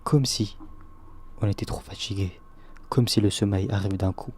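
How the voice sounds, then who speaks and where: A man tells a first-person horror story meant for bedtime, in short, plain, even sentences. His voice is low and dark, with a husky, slightly breathy grain. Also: normal speed.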